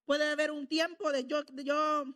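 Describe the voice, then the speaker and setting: Middle-aged woman preacher, high voice, homey conversational sermon. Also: little pitch movement, moderate pace, a bit bright. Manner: conversational, asks the congregation "¿verdad?".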